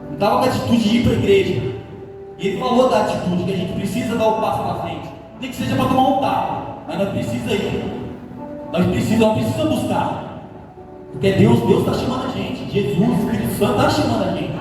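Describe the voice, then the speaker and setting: A young man giving a nervous, earnest youth testimony in church, pleading and halting with restarts. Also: high-pitched, music in the background. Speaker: youth speaker. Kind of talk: nervous personal testimony sermon. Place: church hall. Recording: echoey hall, mic from far off.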